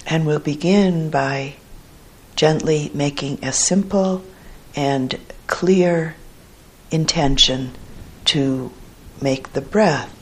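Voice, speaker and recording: In a low, husky voice, a woman leads a guided meditation, speaking gently and at a measured pace with pauses between short phrases. The recording is rough.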